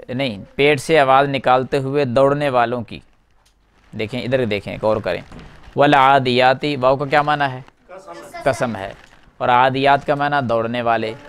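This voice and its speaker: A man's voice: mid-range voice, clean tone. A man teaching a class at a whiteboard, explaining a verse word by word, putting questions to the students and answering them himself. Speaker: Quran teacher.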